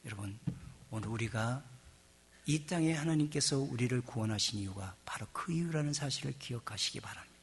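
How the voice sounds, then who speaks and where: A middle-aged man preaching a sermon as pastor. He swings between hushed asides and loud emphasis and acts out quoted voices in a chatty, joking tone. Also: medium pitch, lively intonation, brisk, breathy edge.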